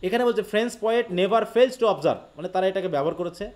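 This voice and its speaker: A man with a Bangladeshi accent teaching a live online literature class. He explains quickly, reads English passages slowly and keeps asking his students questions. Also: high-pitched, animated, darkish tone. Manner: quick Bengali explanation, slow read-aloud English quotes, frequent questions to students.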